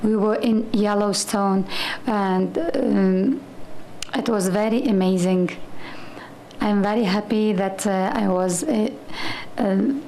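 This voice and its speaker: A woman speaks slowly and hesitantly, pausing often as she introduces herself. Her voice is mellow, and faint ambient noise sits behind her. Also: mid-range voice, poor audio. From Tajikistan. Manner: hesitant, many pauses. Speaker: teacher. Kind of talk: formal self-introduction.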